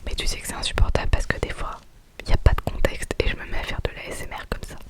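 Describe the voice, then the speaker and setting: A young woman does a whispered role-play as a chatty best friend. Her voice is an unvoiced, breathy whisper placed right in the ear. She talks informally and slangily, in an intimate ASMR style. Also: fast. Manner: informal, slangy girl talk. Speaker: ASMR performer.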